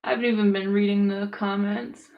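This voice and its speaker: A young woman streaming live, talking bluntly and casually with lots of swearing and slang, hoarse and clearing her throat as she loses her voice. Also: mid-range voice, little pitch movement, fairly quick, lo-fi sound, background noise. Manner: blunt, profane, laid-back slang. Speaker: tarot streamer. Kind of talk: casual livestream chat.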